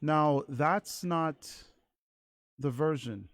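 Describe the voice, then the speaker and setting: A singer from Saint Thomas, appearing as a guest on a radio show, talks candidly and hesitantly, with lots of fillers, in a casual interview chat. His voice is on the high side and extremely slow. The studio sound has no echo.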